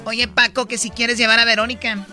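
A woman's voice: fairly high pitch, level tone, fairly quick, pushed and bright, faint music behind. A Mexican woman co-hosting a radio show with casual, teasing banter.

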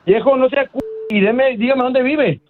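A man's voice: very high voice, unhurried. A man on a phone call, blunt and demanding. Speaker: prank call victim. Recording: dull phone line.

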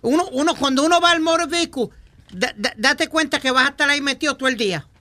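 A man's voice: very high-pitched, quick pace, bright, forceful tone, no room sound. A man on a radio talk show who makes blunt, mocking jabs at the others in casual banter.

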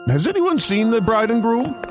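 A man's voice: extremely high pitch, very animated, normal speed, music in the background. A man playing a theatrical wedding officiant in a comic radio ad.

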